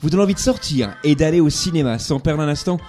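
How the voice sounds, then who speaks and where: Upbeat higher-voiced man reviewing films. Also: lively intonation, fast talker, darkish tone, soft background music. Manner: chatty, upbeat, with frequent hesitations. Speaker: radio film columnist and host. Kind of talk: radio film review.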